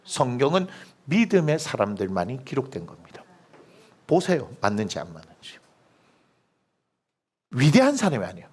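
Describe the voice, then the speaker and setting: A middle-aged male pastor preaching a sermon, telling Bible stories in a lively colloquial way and asking the congregation rhetorical questions. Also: medium pitch, normal speed, pauses often, breathy edge. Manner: lively storytelling, acting out biblical figures in colloquial voices.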